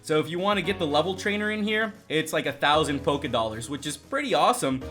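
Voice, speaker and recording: A man's voice: on the high side, animated, fast, fairly bright tone. A young man from El Salvador giving upbeat, chatty gameplay commentary, talking straight to his viewers. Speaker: let's play host. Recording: music playing behind the voice.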